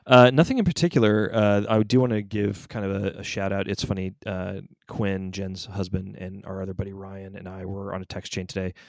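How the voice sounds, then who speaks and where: Man, forties, podcast co-host, low gravelly voice, dry sound, rambling storyteller. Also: flat delivery, fairly quick, hardly any pauses, no room sound. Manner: rambling, self-correcting storyteller. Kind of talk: casual chat.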